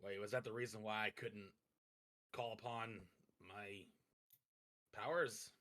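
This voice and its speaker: A man's voice: lowish voice, fairly even intonation, a little slow, pushed and bright. A man playing a tabletop game, playful and describing his character's actions. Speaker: player. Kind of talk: casual tabletop banter.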